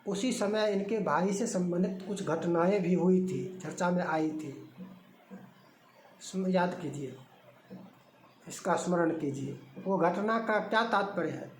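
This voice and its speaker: A man's voice: sits high, a little mellow, reverberant, slight background noise, low-quality recording. A man giving a spoken religious discourse, emphatic and repetitive, often asking rhetorical questions. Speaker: religious commentator.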